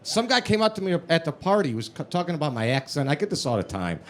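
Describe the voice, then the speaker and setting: A man's voice: on the high side, sing-song, quick pace. A man with a thick Chicago accent doing brash, streetwise stand-up comedy. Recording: noisy live comedy room.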